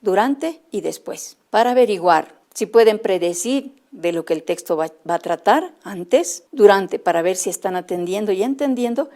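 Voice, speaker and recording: Female teacher trainer, Bolivian Spanish accent, warm low-toned voice, patient and methodical delivery. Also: expressive. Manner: spells out letters and sounds slowly, addresses teachers as usted. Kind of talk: instructional lecture for teachers.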